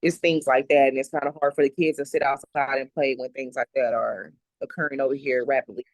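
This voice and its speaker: A woman from South Dallas, answering interview questions in a soft-spoken, plain, halting way. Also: rumbling low, fairly even intonation, no room sound. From South Dallas, Texas. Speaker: interviewee, mother. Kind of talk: personal interview.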